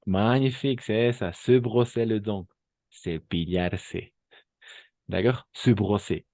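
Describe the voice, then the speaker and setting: A man's voice: on the low side, takes it slowly, creaky, darkish tone, dry recording, studio quality. A male French teacher giving a bilingual lesson, patiently repeating each phrase and often checking that the class understands.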